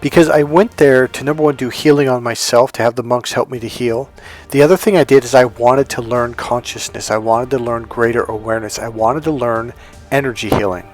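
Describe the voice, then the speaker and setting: Higher-pitched American man telling personal stories. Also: fairly even intonation, fairly quick, faint music behind. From California, United States. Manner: conversational, digressive, addresses viewer directly. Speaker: dating coach telling personal history. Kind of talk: casual autobiographical storytelling to viewers.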